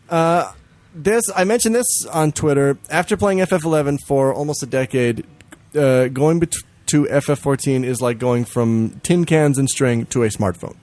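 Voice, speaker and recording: A man co-hosting a podcast in casual chat, swearing freely, laughing often and jumping into high silly voices to mimic games. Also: unhurried, a little mellow. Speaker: podcast co-host.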